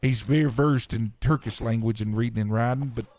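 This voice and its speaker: A man's voice: mid-range voice, a little fast, darkish tone, natural voice. A man playing an earnest, folksy frontier preacher and schoolteacher in a live roleplay. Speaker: roleplay streamer.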